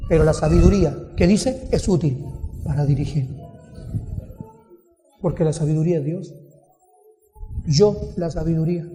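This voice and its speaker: High-voiced preacher in an echoey hall. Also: male voice, normal speed, pauses often, dark tone. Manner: emphatic preaching with rhetorical questions to the congregation. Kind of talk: sermon. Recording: echoey hall with background music.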